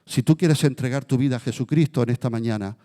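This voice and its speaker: A man leading a congregation in prayer as pastor, moving between fervent, rising declarations and hushed, slow guided prayer. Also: mid-range voice, long reverb tail. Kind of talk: sermon prayer. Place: church.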